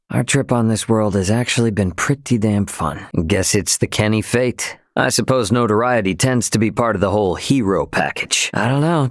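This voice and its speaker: A video game voice actor gives a lightly acted, mid-range, studio-dry performance as a brash, casual young starship captain, cocky but loyal. His dialogue for this English game dub is informal, slangy, and plain-spoken.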